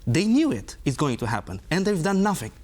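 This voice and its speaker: A man's voice: a little high, sing-song, brisk, a little mellow. Emphatic male guest. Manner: emphatic, pointed, rhetorical questions. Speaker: guest, former diplomat. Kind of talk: interview answers.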